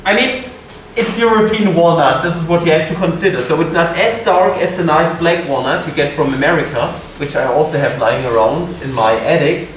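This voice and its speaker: Excitable man vlogging in an echoey workshop. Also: on the high side, a little fast, a little hiss or hum. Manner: excitable, exclaims and swears about the wood. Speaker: woodworking vlogger. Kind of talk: casual vlog narration. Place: woodworking workshop.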